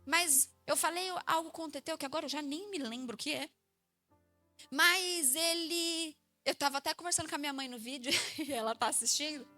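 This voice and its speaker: High, bright-voiced Brazilian woman preaching. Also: a little fast, faint music behind. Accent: Brazilian Portuguese. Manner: lively storytelling, acts out quoted voices. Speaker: pastor. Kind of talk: sermon. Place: church.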